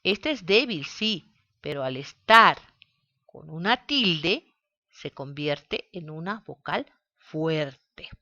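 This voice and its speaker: A woman teaching a grammar lesson, speaking slowly and spelling words out syllable by syllable. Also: sits low, animated, sharp tone, no echo, highs cut off. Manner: slow, deliberate, spells out syllables.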